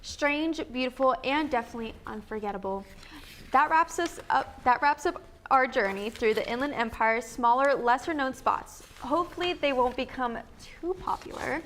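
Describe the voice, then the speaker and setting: A woman's voice: high voice, moderate pace, fairly bright tone, a little hiss or hum. A young woman co-hosting a student local news feature, reading an upbeat, jokey script with small stumbles. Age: young adult.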